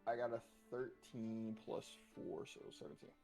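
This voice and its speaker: A man's voice: medium pitch, completely flat delivery, a little slow, warm tone, soft background music. A man playing a tabletop game in a casual, rambling way. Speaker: player.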